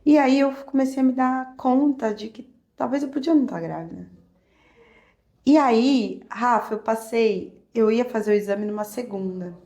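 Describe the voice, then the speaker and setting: A woman with a Brazilian Portuguese accent, a podcast guest telling a personal story in a reflective, emotional way with many soft fillers. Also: on the high side, moderate pace, highs cut off. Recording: echoey room.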